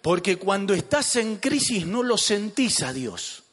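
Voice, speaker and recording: An Argentine pastor man preaches to his church in a high, animated voice. He takes his time and leans on the words. He mixes jokes with questions for the congregation. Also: a little slow, breathy edge, in a large hall. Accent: Argentine Spanish. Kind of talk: sermon.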